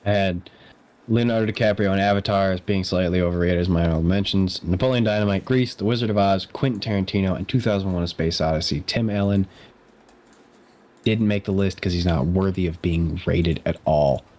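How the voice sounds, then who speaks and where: A man's voice: deep voice, fairly quick, a little mellow. A young man co-hosting a movie podcast, ranting in casual chat, sarcastic and exasperated. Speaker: podcast co-host.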